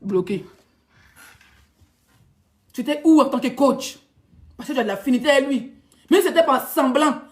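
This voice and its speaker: Woman, Ivorian French accent, high voice, heated mocking rant, blogger vlog. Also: animated, moderate pace, pauses often. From Ivory Coast. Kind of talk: ranting social media vlog.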